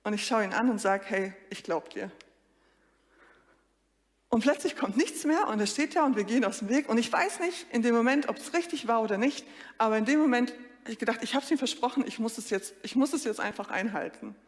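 Woman preaching a lively story sermon. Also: fairly high pitch, fast talker, big-room sound. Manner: lively storytelling, addressing the congregation directly.

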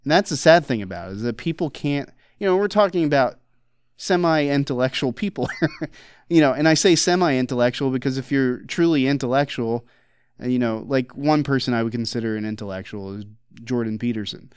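A man in loose, rambling podcast conversation, circling his points and stopping to restart his sentences. His voice is smooth and resonant, sitting in an ordinary middle register, and it is recorded close and dry. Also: medium pitch, brisk, dry recording. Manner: rambling, with many fillers and restarts. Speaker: podcast co-host. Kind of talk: casual conversational podcast chat.

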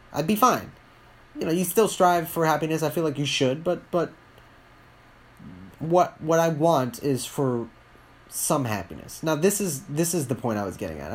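A man, talking alone on his podcast in a rambling, candid way, often halting and restarting his sentences. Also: on the high side. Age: 20s. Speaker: podcast host. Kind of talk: solo podcast monologue.

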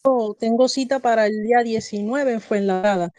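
A woman calls in with questions. She speaks in a measured, hesitant way with fillers. Her voice is warm and slightly high, and the recording is dry. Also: no room sound. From Venezuela. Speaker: caller. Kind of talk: asking questions on a call-in.

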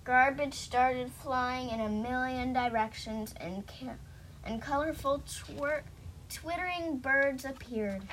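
A woman reading a children's storybook aloud in a gentle, expressive way. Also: high-pitched, takes it slowly, slight background noise, poor audio. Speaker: storybook reader.

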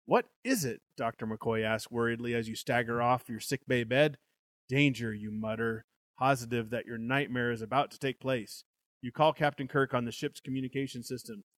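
A man's voice: medium pitch, steady tone, brisk, fairly bright tone, dry recording, clean studio sound. A young man co-hosting a show, reading a gamebook aloud with banter and frequent laughs. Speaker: podcast co-host reading a gamebook.

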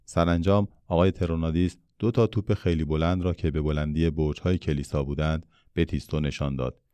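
A man reads a children's storybook aloud in a steady, measured voice. His tone is low, warm and smooth, with a resonant quality. The sound is dry and close to the mic. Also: dry recording. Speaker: narrator. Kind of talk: storybook reading.

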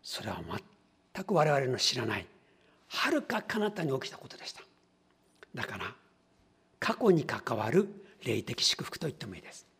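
This man's sermon comes at a moderate pace with long pauses, his medium-pitched voice fairly bright, breathy, and swinging widely in pitch. As pastor, he teaches by questioning the congregation and acting out everyday moments in different voices.

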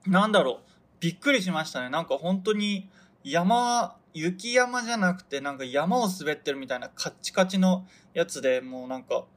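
A man's voice: high voice, fairly bright tone. A young man from Hokkaido, Japan, hosting his own radio show and chatting casually, rambling and often losing his thread. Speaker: podcast host. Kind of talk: casual solo radio chat.

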